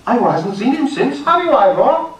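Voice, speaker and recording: A gentle, dreamy engine driver. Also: male voice, extremely high pitch, sing-song, moderate pace. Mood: earnest. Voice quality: stammering, mild and earnest. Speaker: voice actor in an animated film. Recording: echoey, distant hall playback with hiss.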